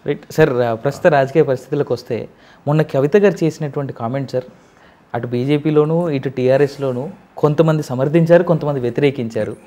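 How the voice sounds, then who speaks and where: A man's voice: medium pitch, quick pace, dark tone. A man with a Telangana Telugu accent, interviewing a politician with polite but persistent questions. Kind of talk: news interview.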